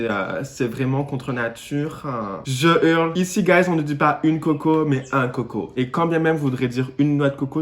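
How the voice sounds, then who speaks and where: Man, from Réunion, comedic vlog monologue, camp and theatrical, medium pitch. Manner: playful, camp, theatrical asides. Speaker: YouTuber.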